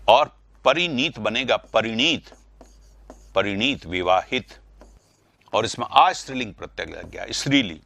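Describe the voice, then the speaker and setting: A man teaching Hindi grammar in a live online class, calling students by name, repeating words and getting loud when he corrects them. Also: mid-range voice, no room sound. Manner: animated, rising sharply when correcting.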